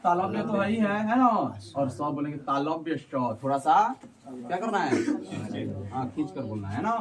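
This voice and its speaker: A man teaching a classroom lesson, asking the class questions and repeating their answers with drawn-out syllables. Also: on the high side, very animated. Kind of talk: classroom Hindi grammar lesson. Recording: distant mic, noisy class around.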